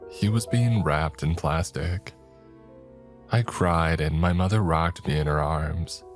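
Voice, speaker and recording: A man telling a first-person horror story in a slow, hushed narrating voice. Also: extremely low pitch. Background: faint music.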